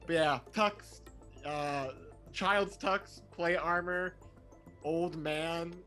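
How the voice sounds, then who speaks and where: A man's voice: on the high side, very slow, bright, forceful tone, faint music behind. A man playing a tabletop game, describing his character in a rambling way full of fillers. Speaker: player. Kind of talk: casual tabletop role-play.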